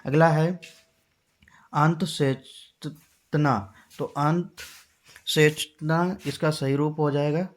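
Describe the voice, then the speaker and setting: A man's voice: fairly high pitch, fairly even intonation, slow pace, pauses often. A male teacher giving an exam-prep spelling lesson, patiently drilling each word and quizzing his class with rhetorical questions.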